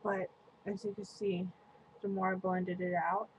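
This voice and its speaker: A woman's voice: mid-range voice, flat delivery. A woman talking through a casual makeup product review in a chatty, meandering way. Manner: chatty, slow and meandering, lots of "like". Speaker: beauty vlogger. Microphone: webcam. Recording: faint room noise on a webcam mic.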